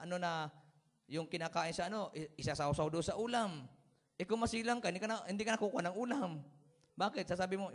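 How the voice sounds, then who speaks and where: Man preaching with humor, voice a bit high, asks for amens, chuckles through stories. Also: fairly bright tone. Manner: chuckles while telling everyday stories. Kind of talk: sermon.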